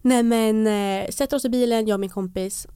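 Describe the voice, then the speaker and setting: A young woman in casual chat, telling a story lively and acting out what people said. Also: a little high, clean tone, no room sound, studio quality. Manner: lively storyteller who acts out quotes.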